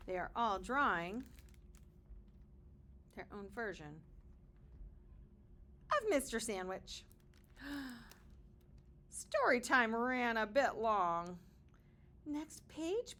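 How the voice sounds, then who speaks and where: In a slightly high voice, a woman performs a picture book for young kids like a teacher, pausing dramatically and adding asides full of wonder.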